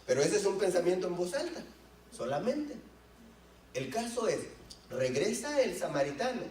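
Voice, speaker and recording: A male pastor preaching to his congregation with a high-pitched voice, chatty and direct, often turning to the listeners with a question. The sound is echoey, like a church sanctuary, with the mic set some way off. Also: sing-song, normal speed, a little mellow, slight background noise. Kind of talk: sermon. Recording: roomy echo, mic at a distance.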